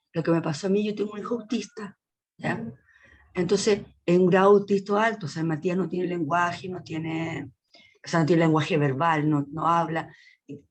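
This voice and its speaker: A woman's voice: on the low side, a little mellow. Frank, colloquial Chilean woman. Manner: colloquial, frank, with many restarts. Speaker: colloquium participant. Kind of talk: casual group discussion.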